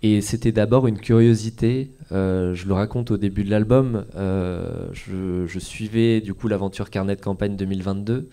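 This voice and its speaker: A man, a comics author, telling an audience about his work in a relaxed, hesitant way with many filler sounds. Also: lowish voice, normal speed, hardly any pauses. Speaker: comics author at a library talk. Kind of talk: casual talk to an audience.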